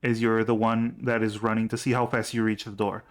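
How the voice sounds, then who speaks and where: A man acting as game master for a tabletop role-playing game, narrating and refereeing in a halting way, often repeating himself. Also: on the low side, level tone, noisy background.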